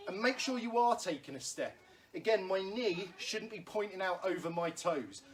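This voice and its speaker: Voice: medium pitch, expressive, normal speed, slight background noise. Patient stage combat instructor calling drills. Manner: patient, reassuring, explains step by step with light laughs. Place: room at home during lockdown. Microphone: camera in front of a standing speaker.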